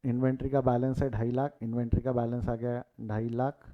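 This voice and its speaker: A man's voice: mid-range voice, level tone, fairly quick. A man teaching accounting in a live online class, repeating key figures and urging students to answer in the chat. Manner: mixes English terms, repeats key figures, urges students to reply in chat. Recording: tinny phone-like audio.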